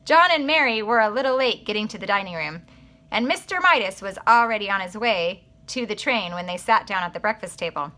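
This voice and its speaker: A woman, a teacher, reading a children's book aloud in an expressive, animated way. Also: mid-range voice, fairly quick.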